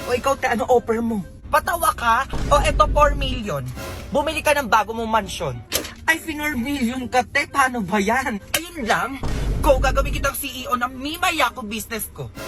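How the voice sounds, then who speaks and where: Woman acting out a lively comedy skit. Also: high voice. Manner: lively, bickering Tagalog banter with laughs. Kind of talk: comedy skit, playing several roles. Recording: music playing underneath.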